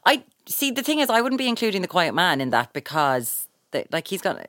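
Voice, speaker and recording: A woman with a Cork Irish accent chats as a podcast guest, emphatic and storytelling. Her voice sits low but swings widely in pitch. The recording is dry and close. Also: very animated, fairly quick, a bit bright, dry recording. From Ireland (Cork). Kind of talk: casual chat.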